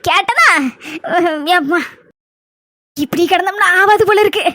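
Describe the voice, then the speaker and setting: A woman with a plays a loud, dramatic village woman in a comedy sketch, scolding and lamenting. Her voice is very high and sharp. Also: a little slow, no echo. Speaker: comedy sketch performer playing several village women. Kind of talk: village comedy skit acting.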